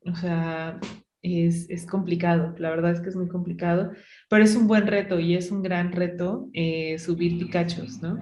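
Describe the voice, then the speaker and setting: A woman's voice: fairly low pitch, steady tone, moderate pace, a little mellow, roomy sound, a little hiss or hum. Chatty Mexican woman telling a story. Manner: chatty storytelling, many fillers like "o sea" and "¿no?". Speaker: podcast host. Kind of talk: casual chat.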